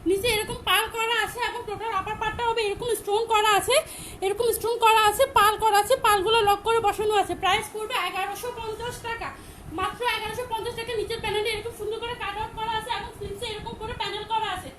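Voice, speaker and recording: A young woman from Chittagong, selling clothes on a live stream in a loud, big voice, repeating each price emphatically. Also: very high voice, little pitch movement, fast talker, noisy background. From Chittagong, Bangladesh. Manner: repetitive, emphatic, rattles off prices. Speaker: online clothing seller. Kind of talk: live-stream sales pitch.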